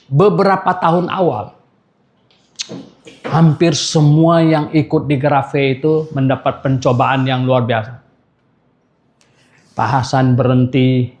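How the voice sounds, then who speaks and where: A man's voice: medium pitch, darkish tone. An older man, a pastor, giving an anniversary sermon in a chatty storytelling way, laughing and calling out questions to the congregation.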